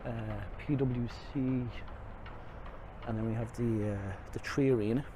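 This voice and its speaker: A walking tour vlogger, this Irish man talks through a face mask as he strolls city streets beside a river, rambling casually and poking fun at himself. He has a medium-pitched voice with fairly even intonation at a normal speed, and the recording is noisy with traffic and street sounds.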